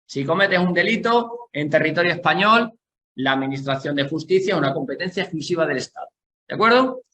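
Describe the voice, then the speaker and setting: A man's voice: fairly high pitch, expressive, pushed and bright, slight background noise. A man from Castilla-La Mancha, giving an exam-prep lecture and checking in with the class as he explains. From Castilla-La Mancha, Spain. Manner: explanatory, keeps checking in with the class, slows to stress key points. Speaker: teacher.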